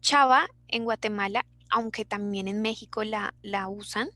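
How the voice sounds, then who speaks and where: A woman's voice: mid-range voice, moderate pace, bright, forceful tone, no echo. A young Colombian woman with a Bogotá accent, teaching an online class in a chatty way and reading out her students' answers. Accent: Bogotá Colombian Spanish.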